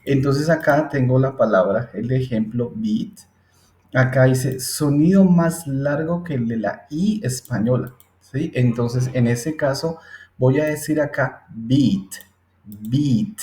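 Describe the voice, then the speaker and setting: A man's voice: medium pitch, a little slow, darkish tone. A man teaching a step-by-step lesson, patiently explaining and often checking in with his listeners. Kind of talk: screen-recorded English phonetics lesson. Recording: roomy echo.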